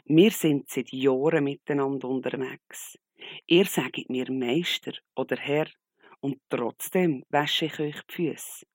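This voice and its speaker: A man voicing Jesus as a calm, gentle teacher in a Bible story. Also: medium pitch, slow, no echo, studio quality. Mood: gently firm.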